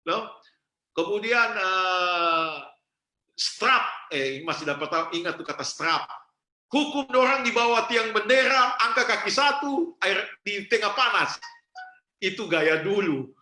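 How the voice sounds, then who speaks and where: A man giving a seminar talk, telling lively stories and slipping into character voices. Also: high voice, unhurried. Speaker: youth seminar speaker, pastor. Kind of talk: seminar talk with acted anecdotes. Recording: roomy echo.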